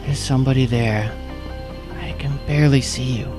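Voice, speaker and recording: A man's voice: mid-range voice, steady tone, normal speed, close to an everyday voice. A man plays a tiny ancient elf woman trapped in a fantasy game. The voice is small, wispy and pixie-like, with a forlorn, wistful temper, over background music. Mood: wistful, quiet.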